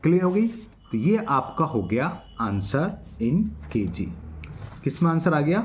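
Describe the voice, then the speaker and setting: A man's voice: a little high, very animated, takes it slowly. A man teaching a maths exercise to children, patiently counting digits aloud and checking that they follow.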